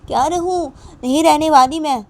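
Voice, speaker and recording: A woman's voice: mid-range voice, brisk, breathy edge, pitched below the performer's own voice, close to an everyday voice. A woman voicing a stubborn young mother who answers curtly and refuses her partner. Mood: angry. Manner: curt, dismissive.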